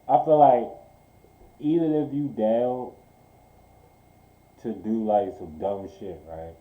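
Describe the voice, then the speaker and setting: A man's voice: fairly low pitch, slow, roomy sound, narrow, tinny audio. A man streaming live who reacts to a played video with rambling, profane, slang-heavy commentary. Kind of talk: casual live-stream chat.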